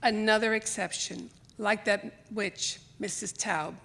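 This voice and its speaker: On a library theater stage at a live event, a writer reads aloud her own personal memoir essay, telling it as a storyteller. She is an older woman who grew up speaking Greek or Italian and emigrated from Greece to the United States as a child. Her creaky, medium-pitched voice goes slowly, expressively performing the dialogue she remembers.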